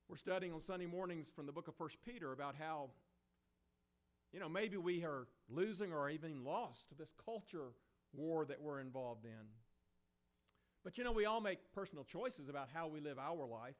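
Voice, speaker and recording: A man with a hoarse, failing voice gives an unhurried, conversational talk before communion, with a few fillers along the way. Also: a little high. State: hoarse, losing his voice. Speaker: preacher leading communion. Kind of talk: sermon.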